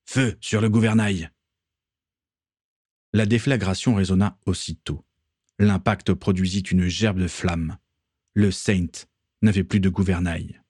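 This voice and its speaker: Low-voiced male storybook narrator. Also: husky, no echo, studio quality. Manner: even, measured reading. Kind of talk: storybook reading.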